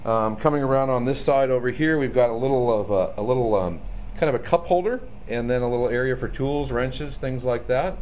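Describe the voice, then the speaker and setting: A man's voice: medium pitch, brisk, a little mellow, a little hiss or hum. A man giving a casual product walkaround demo of a machine in a store showroom, talking loosely with many ums and uhs. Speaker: equipment salesman.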